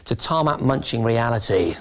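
A man's voice: mid-range voice, lively intonation, moderate pace, dry recording, clean studio sound. A middle-aged man presenting a TV gadget show and narrating it in a playful, jokey, enthusiastic way. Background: backing music.

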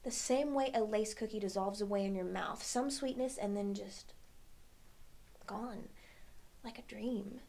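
A young woman performing a dramatic monologue as a troubled, pensive single woman, a halting, searching soliloquy full of hesitant pauses. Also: medium pitch, creaky, mellow. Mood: reflective, wistful. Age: young adult. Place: indoor studio against a plain backdrop.

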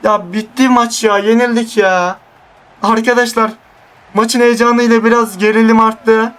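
A young man giving excited live commentary over his own football video game match, groaning and pleading when his team loses the ball. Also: very high-pitched, unhurried, clear, resonant tone, far from the mic. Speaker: gaming YouTuber.

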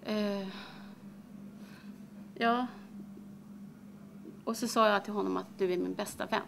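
Brief: a woman playing a grieving middle-aged mother in a dramatic monologue, creaky and halting, over a noisy hiss. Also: mid-range voice, fairly even intonation. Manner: halting, hesitant, many pauses and fillers. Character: grieving mother, middle-aged, recalling her daughter's death. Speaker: actress performing a monologue.

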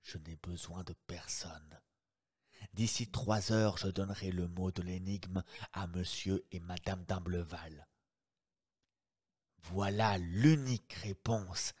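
A man reading aloud voices a stern, terse middle-aged English detective who speaks low, slowly and curtly. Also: darkish tone, slightly rough, exaggerated voice. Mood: cold.

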